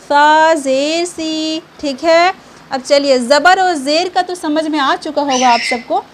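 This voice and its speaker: A young adult woman giving an online reading lesson. She talks patiently, checks in often with short confirmations, and sounds out each syllable slowly and clearly. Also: sits high. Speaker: Quran reading teacher.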